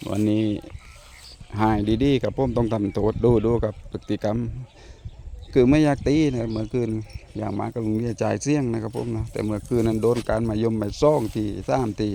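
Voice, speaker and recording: A man's voice: lowish voice, fairly quick, creaky, mellow, a little hiss or hum. A man vlogging at home, talking politely to his viewers and sharply scolding his disobedient dog. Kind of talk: casual vlog chat.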